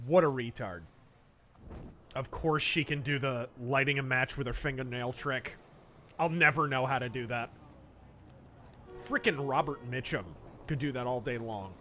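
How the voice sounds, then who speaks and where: An American man hosting a game livestream with casual, emphatic, joking and excitable commentary. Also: mid-range voice, moderate pace, pauses often, slight background noise.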